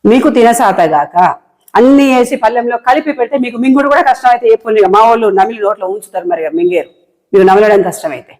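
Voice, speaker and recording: A woman's voice: a little high, quick pace, a little mellow, rough recording. A married woman with a Telangana Telugu accent, delivering a heated, impassioned monologue as an online political commentator, hammering points with repetition. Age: adult, married.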